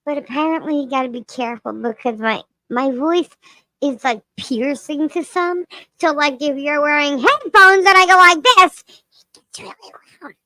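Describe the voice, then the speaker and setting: A woman voicing a cheeky, crude, childlike lemur puppet with a loud, sharp, piercing voice, in improvised comedy. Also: high voice, normal speed, dry recording, poor audio. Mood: gleeful, cheeky. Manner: playful, giggly, potty-mouthed. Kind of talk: improvised live-stream character comedy.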